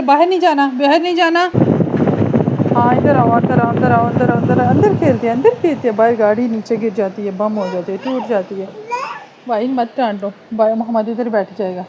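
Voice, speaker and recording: This Pakistani mother's voice is a little high and darkish, heard through lo-fi sound with slight background noise. Indoors at home as a fan runs, she talks to her small child in a casual vlog, using loving, repetitive baby talk to coax them.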